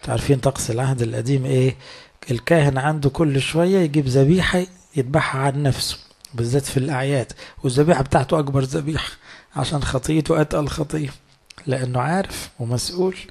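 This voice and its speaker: A man's voice: mid-range voice, quick pace, gravelly, darkish tone, husky. A man with an Egyptian Arabic accent preaching a sermon in a conversational way, often putting rhetorical questions to his listeners.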